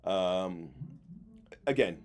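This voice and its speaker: A man hosting a podcast in casual chat, telling stories in a halting, rambling way with many restarts. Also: low voice, expressive. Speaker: podcast host.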